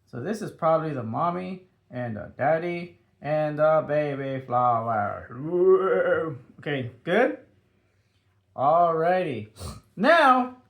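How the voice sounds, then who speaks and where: Upbeat high-voiced man teaching kids to draw. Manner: upbeat, sing-song, adds playful sound effects. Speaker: drawing teacher for children. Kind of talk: step-by-step children's drawing tutorial.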